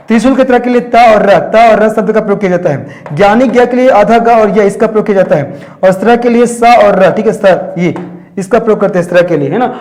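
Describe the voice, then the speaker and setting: A man's voice: high voice, darkish tone. A man teaching an exam-prep grammar lesson, asking his own questions and answering them, repeating key terms.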